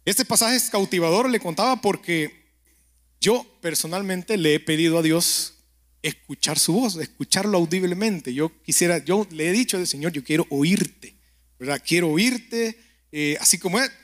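A man preaching a conversational sermon and prayer, telling stories, speaking straight to the listener and often checking in with a quick question. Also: high-pitched, expressive, a bit bright. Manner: keeps asking the listener "¿verdad?".

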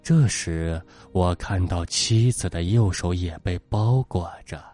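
A man narrating a horror story in a calm, measured reading voice. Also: low voice, no echo, faint music behind.

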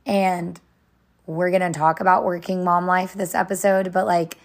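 Slightly hoarse, loud young woman co-host. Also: lowish voice, level tone, normal speed. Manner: loud, chatty, lots of fillers. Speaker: podcast co-host. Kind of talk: casual chat.

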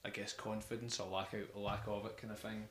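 A man's voice: on the low side, level tone, fairly quick, a bit bright, slight background noise. A young man hosting a casual music podcast, rambling enthusiastically with many fillers. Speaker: podcast host. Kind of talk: casual chat about music. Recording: echoey room.

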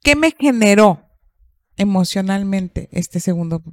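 A woman psychologist, calmly explaining and asking rhetorical questions in a podcast conversation. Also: medium pitch, unhurried, no echo, clean studio sound. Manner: calm, explanatory, asks herself rhetorical questions.

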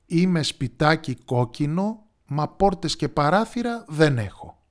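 A man voicing a patient, loving mother in a children's storybook, coaxing and gentle. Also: on the high side, animated, voice pushed up, close to an everyday voice. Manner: gentle, coaxing, sing-song riddle reading. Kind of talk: storybook character voice.

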